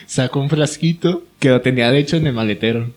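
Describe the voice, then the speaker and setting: A young man with a Mexican Spanish accent, casually telling a story with a friend in a relaxed, slangy way. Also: medium pitch, a little fast. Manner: relaxed, slangy, chiming in with quoted lines.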